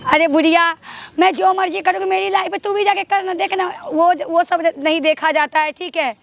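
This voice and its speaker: Woman acting as a rude bossy daughter-in-law, really high voice, sneering and threatening. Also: fairly even intonation, moderate pace, creaky. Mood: scornful. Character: arrogant young daughter-in-law, a rude bullying model. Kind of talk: staged family quarrel skit.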